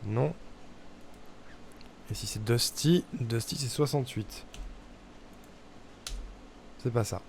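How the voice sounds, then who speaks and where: A man's voice: mid-range voice, slow, vocal fry, pauses often, slight background noise. A young man streaming a puzzle game, thinking aloud in casual chat as he tests guesses and mutters to himself. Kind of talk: casual live-stream commentary.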